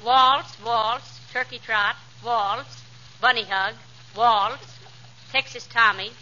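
A woman playing a wry, affectionate, gently chiding wife in a 1940s radio comedy. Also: on the high side, fairly even intonation, slow. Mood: fond, teasing. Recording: dull, faintly noisy vintage radio recording.

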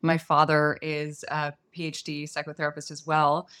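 Low, even-toned American woman. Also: moderate pace, clean tone. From San Francisco Bay Area, USA. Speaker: podcast guest. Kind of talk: conversational personal storytelling.

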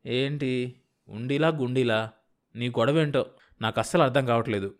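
A man voicing a meek, doubtful middle-aged husband who grumbles softly. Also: medium pitch, moderate pace, close to an everyday voice. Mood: grumbling. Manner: soft, grumbling, hesitant.

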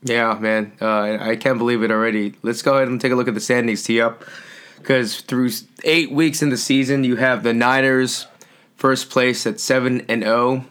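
A man hosting a sports podcast, chatting casually in a relaxed, rambling way with many fillers. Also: mid-range voice, normal speed, clear, resonant tone. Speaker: podcast host.

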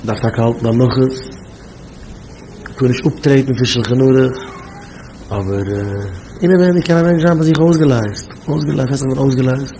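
A man's voice: mid-range voice, steady tone, mellow, slight background noise, poor audio. Emphatic man. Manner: emphatic and repetitive, slow drawn-out stresses.

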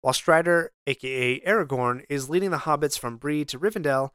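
A man with a slightly high voice narrates scripted lore as a podcast host. He explains things step by step and drops in wry asides. The sound is close and dry, with no room echo. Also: a little fast, fairly bright tone, clear, resonant tone.

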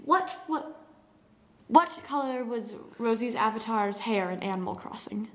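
A woman with a slightly high voice runs a silly mock interview. She asks her questions in a giggly, sing-song way and breaks into game-show jingles. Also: lively intonation, unhurried. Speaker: podcast host asking the questions. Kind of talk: playful mock interview and quiz.

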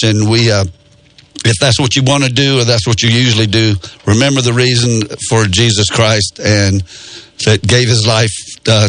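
A man's voice: medium pitch, a bit bright. A man hosting a radio show in a studio, talking in a folksy, rambling way. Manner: folksy, rambling with many pauses. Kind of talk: casual radio talk. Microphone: studio microphone.

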